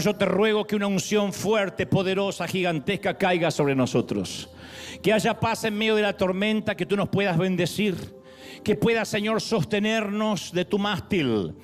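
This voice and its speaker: A man's voice: high voice, normal speed, faint music behind. A man, a pastor delivering a sermon and prayer, moving between wry storytelling and fervent exhortation.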